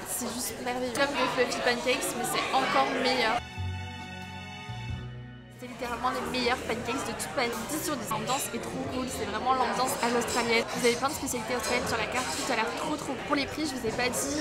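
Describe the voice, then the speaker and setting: Young woman vlogger from France, high voice, casual and enthusiastic, music running underneath. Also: steady tone, fairly quick, over a noisy crowd. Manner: chatty, enthusiastic, gushing. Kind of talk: casual travel vlog narration. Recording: music playing behind the voice.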